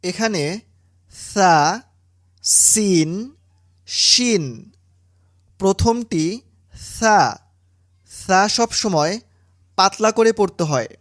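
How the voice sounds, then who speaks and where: A woman teaching Quran reading, pronouncing letter sounds slowly and deliberately, one syllable at a time. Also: medium pitch, no echo, studio quality. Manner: slow, deliberate, drawn-out syllables. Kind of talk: slow instructional recitation lesson.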